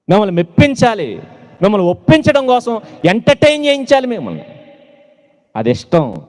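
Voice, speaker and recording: A man's voice: sits high, darkish tone. A man preaching a sermon to young people, asking rhetorical questions and mocking his listeners with teasing asides, with a Telugu accent. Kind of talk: sermon to youth. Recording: long hall reverb.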